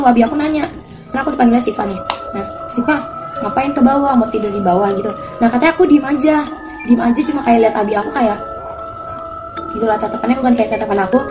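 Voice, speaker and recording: Fast-talking teen girl vlogger. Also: fairly high pitch. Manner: chatty, animated retelling with quoted voices. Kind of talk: casual storytelling.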